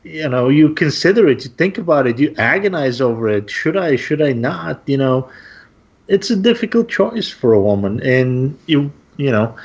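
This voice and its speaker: A man's voice: medium pitch, sing-song, normal speed. Earnest man arguing on a talk show. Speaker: co-host. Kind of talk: casual panel discussion. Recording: dull lo-fi sound.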